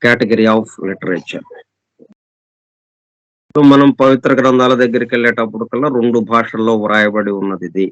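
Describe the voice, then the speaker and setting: A man teaches a scripture lesson in a slow, deliberate way, repeating himself and stacking up near-synonyms to drive each point home. His pitch sits at an ordinary middle level. The recording is dry and dull, with a lo-fi edge. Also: steady tone, dry recording. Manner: reads English passages slowly. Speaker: spiritual teacher.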